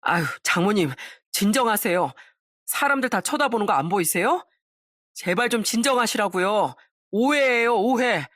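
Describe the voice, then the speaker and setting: A woman's voice: medium pitch, expressive, moderate pace, fairly bright tone, dry recording, clean studio sound. A woman voicing an evasive cheating husband who makes defensive, pleading excuses in a story drama.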